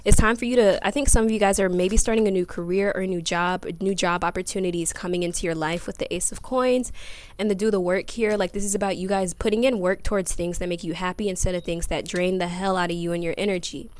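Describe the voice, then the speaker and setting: A woman's voice: fairly low pitch, steady tone, fast. A woman giving a casual tarot reading to camera outdoors, chatting to viewers as y'all and baby. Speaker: tarot reader. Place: outdoors by a grassy yard.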